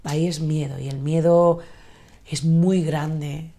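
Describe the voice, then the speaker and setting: A woman in her forties with a low, gravelly, dark voice talks about her life in a hesitant, reflective way. She often stops and restarts her sentences. She is a guest on a podcast recorded in a home kitchen. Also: fairly even intonation, takes it slowly. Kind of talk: emotional personal conversation.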